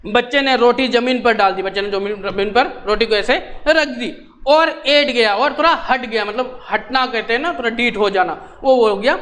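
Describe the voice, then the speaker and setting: A man's voice: very high-pitched, normal speed, fairly bright tone, slight background noise. A male teacher reading a textbook story and stopping to gloss each phrase, with frequent light laughs. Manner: repeats lines and glosses words, laughs often.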